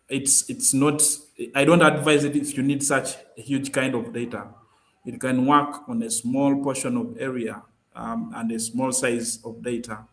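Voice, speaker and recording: Male webinar guest, mid-pitched, halting explainer with frequent ums. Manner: hesitant, many fillers and restarts. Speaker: guest speaker. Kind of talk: explaining mapping tools on a webinar.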